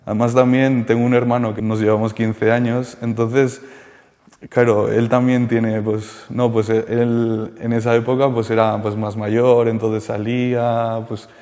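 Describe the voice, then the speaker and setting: A man from Colombia, giving a halting, soft-spoken personal testimony in an interview. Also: medium pitch, little pitch movement, in a large hall. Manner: halting and soft-spoken, circling back with many restarts. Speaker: interviewee sharing a rehabilitation testimony.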